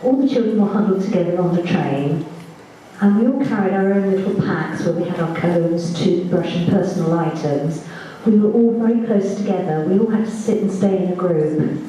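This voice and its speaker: A woman giving spoken first-person testimony at a reunion, measured and halting, with small restarts, in a large assembly hall on a distant mic. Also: on the low side, mellow, slight background noise. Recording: echoey hall from far off.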